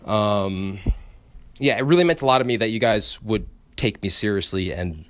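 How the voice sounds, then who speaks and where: A man's voice: on the low side, normal speed. A young man hosting a podcast, talking casually on his own in a rambling, profane way with frequent restarts and stammers. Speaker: podcast host. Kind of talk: casual solo podcast monologue.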